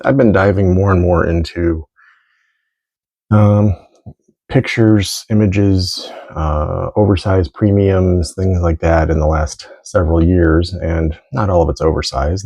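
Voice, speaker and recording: In a lo-fi home recording, a middle-aged American collector of vintage sports cards casually presents his items, rambling and thinking out loud without a script. He sounds low-pitched, unhurried, gravelly, mellow and husky.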